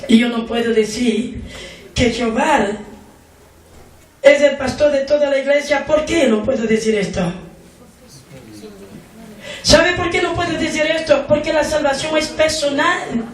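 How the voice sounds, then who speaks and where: A woman pastor preaching a sermon, slow and emphatic, asking the congregation questions again and again. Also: sits high. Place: church hall. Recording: echoey church room from far off.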